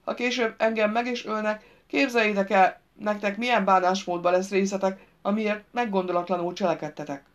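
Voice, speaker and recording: A woman reading an audiobook, voicing a hard, menacing male thief who shouts threatening commands in a raised voice. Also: medium pitch, highs cut off, close to an everyday voice.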